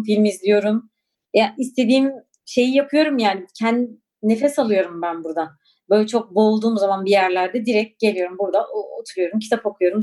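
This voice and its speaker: A woman's voice: medium pitch, darkish tone. A woman in her forties from Turkey, recalling her past in an interview with a reflective, hesitant manner and many fillers. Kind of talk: personal recollection.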